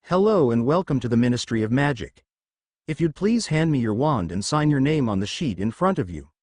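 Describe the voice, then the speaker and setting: A man's voice: mid-range voice, sing-song, brisk, a little mellow, no room sound, clean studio sound. A man voicing a prim, pompous female ministry clerk in a storybook reading. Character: pompous woman clerk, prim then simpering.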